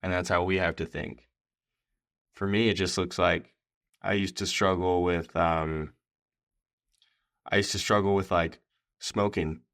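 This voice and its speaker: A young adult man with a low, deep voice speaks casually as a podcast co-host. He sounds reflective, feeling his way through questions and thoughts with pauses and restarts. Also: level tone, fairly bright tone. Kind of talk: casual conversation.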